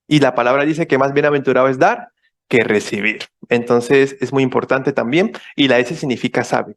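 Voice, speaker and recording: A man speaking as a visiting ministry guest in a church, explaining step by step, repeating key points and checking in with his listeners. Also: mid-range voice. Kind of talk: church presentation.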